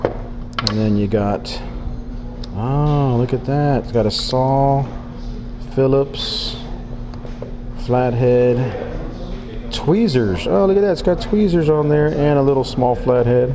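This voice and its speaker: Filmed on a head-mounted action camera, a vlogger wanders an indoor retail store, musing to himself about the products and exclaiming at items now and then. His voice is medium-pitched and slow, with frequent pauses, over a noisy background. It's a casual handheld walkthrough.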